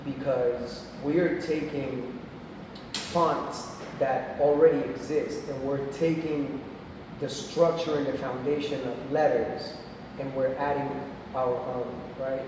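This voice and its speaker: Casting: man in his forties, guest artist at a gallery talk, relaxed and explanatory, heard from a distance in a long-echoing room with background noise. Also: medium pitch, slow. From Puerto Rico. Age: 40s. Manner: relaxed, explanatory, with frequent fillers. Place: art gallery. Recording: echoey gallery from far off, noisy.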